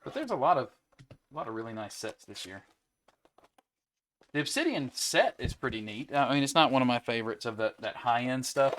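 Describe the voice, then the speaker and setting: Host, man, young adult, mid-pitched, relaxed chatter while opening card packs on a home stream. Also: a little fast, a little hiss or hum. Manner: easygoing, rattles off player names between chat.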